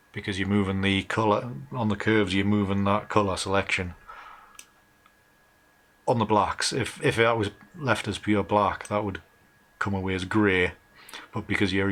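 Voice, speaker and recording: A man's voice: lowish voice, fairly bright tone. A man with a Northumbrian English accent hosting a casual live tutorial, thinking aloud informally as he works. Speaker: host of a live photo-editing session. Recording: clear background noise, keyboard and mouse clicks.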